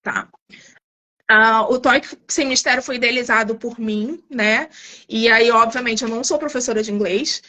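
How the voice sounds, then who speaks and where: A woman guest on a live stream talks through exam tips in a casual, explanatory way. Her voice sits high and sounds bright. She keeps checking in with quick tag questions. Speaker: guest, TOEIC course creator.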